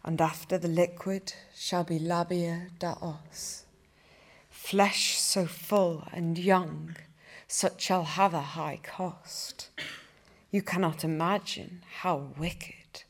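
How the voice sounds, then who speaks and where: Slow, low-voiced young woman reciting poetry. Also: steady tone. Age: young adult. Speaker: young poet. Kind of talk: poetry reading. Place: cathedral.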